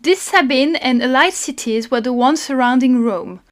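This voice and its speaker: A woman with a high voice narrates history for a podcast. She keeps a measured storytelling pace and drops dry asides between the facts. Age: adult parent. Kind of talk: read-aloud history narration with banter.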